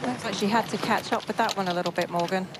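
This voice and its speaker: Delivering analytical live commentary, a woman covers golf from an outdoor broadcast with clear background noise. She speaks fast in a medium-pitched voice.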